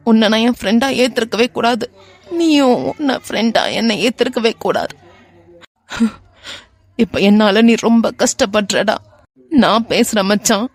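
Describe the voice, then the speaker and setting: A woman voicing a tearful pleading young man. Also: fairly high pitch. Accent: Kanyakumari Tamil. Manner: pleading, apologetic, slow and teary. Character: tearful, guilt-ridden young man, pleading with his friend. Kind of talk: animated web cartoon voice acting.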